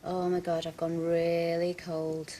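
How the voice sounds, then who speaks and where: A woman's voice: on the low side, completely flat delivery, slow pace, dark tone, distant mic. A woman at a seance, shivering and anxiously describing how cold she feels. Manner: breathless, anxious, talking about feeling cold. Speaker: seance participant.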